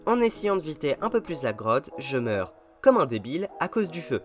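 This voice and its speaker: A man's voice: a little high, sing-song, fairly quick. A young man narrating his own gameplay in an upbeat, self-mocking voice-over. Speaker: gaming YouTuber. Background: game music.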